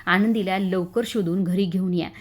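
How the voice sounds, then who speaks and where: A firm, commanding family head who gives orders through his worry, as a woman reads him. His lines are spoken in a middle pitch and a plain tone. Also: steady tone, normal speed, lightly acted. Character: worried, commanding head of the household, man.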